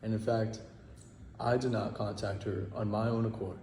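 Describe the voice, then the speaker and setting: A nineteen-year-old man stating things calmly and matter-of-factly. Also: lowish voice, normal speed, echoey room, big-room sound, a little hiss or hum. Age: late teens. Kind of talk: direct-to-camera statement.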